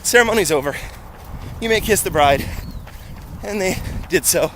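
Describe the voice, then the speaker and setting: A man's voice: high voice, animated, moderate pace. A middle-aged American man talking casually in a rambling, conversational way as he records a running vlog outdoors. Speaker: running vlogger. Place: outdoors on town and semi-rural streets. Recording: loud outdoor ambience and traffic noise. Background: loud road and outdoor noise.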